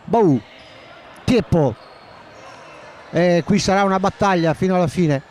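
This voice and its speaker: High-pitched excited male sports commentator. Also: slight background noise. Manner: excitable, shouts at key moments, names players rapidly. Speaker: play-by-play commentator. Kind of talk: live futsal commentary.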